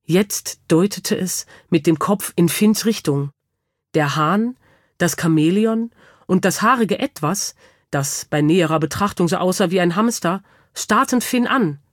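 A woman narrating a children's audiobook with lively, expressive storytelling. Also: on the low side, measured pace, no echo, clean studio sound.

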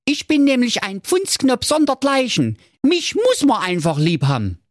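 A man's voice: very high voice, wildly swooping pitch, moderate pace, no echo, clean studio sound, voice pushed up, full character voice. A man voicing a boastful, cheerful young male suitor in a comic fairy tale. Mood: cocky. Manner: boastful, delighted.

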